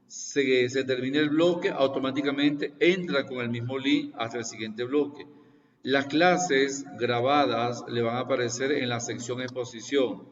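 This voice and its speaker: A man's voice: mid-range voice, fairly even intonation, a little slow. Man in his sixties lecturing over a video call. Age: 60s. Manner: repetitive, explanatory, often checks with "¿Ok?". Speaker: university lecturer. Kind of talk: online class introduction. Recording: distant, roomy, dull video-call audio.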